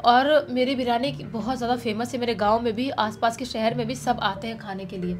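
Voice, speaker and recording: A woman's voice: fairly high pitch, fairly even intonation, a little fast, faint music behind, natural voice. A woman voicing a kind young biryani seller. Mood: kind, eager. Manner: friendly, reassuring, asks many questions.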